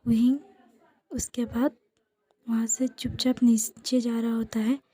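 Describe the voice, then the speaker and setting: A young woman narrating a fan-fiction story in a soft, half-whispered voice. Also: a little high, flat delivery, slow pace, breathy edge.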